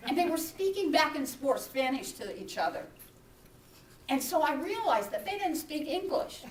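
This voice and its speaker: A woman minister preaching, telling a personal story and acting out her own shouts and whispers. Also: high voice, sing-song, normal speed, reverberant, recorded from a distance, a little hiss or hum. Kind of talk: sermon storytelling. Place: church hall.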